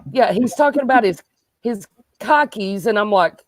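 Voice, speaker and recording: A woman's voice: a little high, expressive, fast, dry recording. A woman from South Carolina with a Southern accent, chatting and telling stories on a livestream call. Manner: chatty, laughing storyteller. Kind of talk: casual chat on a livestream.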